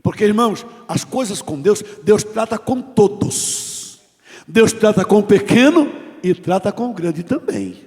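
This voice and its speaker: A middle-aged man with a Brazilian Portuguese accent preaches a testimony sermon, his voice sitting high for a man. He tells his story with drama, sinking to near whispers and then rising to loud cries. A long church reverb trails every phrase. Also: animated, unhurried. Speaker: pastor. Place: church sanctuary.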